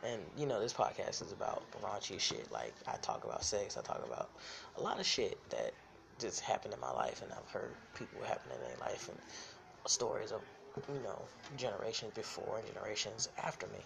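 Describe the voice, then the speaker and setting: A man's voice: on the low side, sing-song, fairly quick, vocal fry, noisy background. A young man hosting a podcast, telling candid, profane stories and laughing often. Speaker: podcast host. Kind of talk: casual storytelling monologue.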